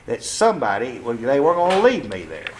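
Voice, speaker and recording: A man's voice: mid-range voice, huge pitch swings, slight background noise. A man in his seventies being interviewed at home about his life, speaking plainly and bluntly with some cursing, often stopping and restarting with "uh". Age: 70s. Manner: halting, with frequent restarts and "uh"s. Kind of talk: casual oral-history interview. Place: living room of his home.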